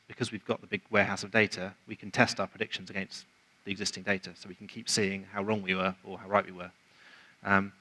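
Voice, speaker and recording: This conference speaker's voice is on the low side, pushed and bright, captured in a rough recording. At the venue he presents in a conversational, explanatory manner, dramatizing quoted remarks as he goes.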